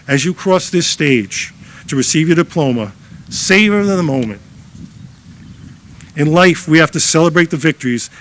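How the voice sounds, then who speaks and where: A retired male teacher giving a joking, heartfelt graduation address into a podium microphone outdoors. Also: a little high. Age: older.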